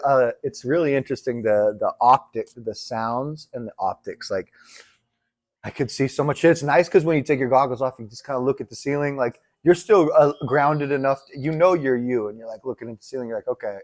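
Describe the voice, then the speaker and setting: A man co-hosting a podcast, telling a story in casual chat, rambling and swearing and getting excited as he retells it. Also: medium pitch, a little fast. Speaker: podcast co-host. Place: resort retreat room.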